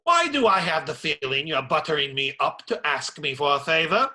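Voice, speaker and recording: An actor playing a wary, wry, reluctant friar in a radio play. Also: male voice, on the high side, big pitch swings, normal speed, bright, forceful tone, exaggerated voice. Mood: wary, protesting.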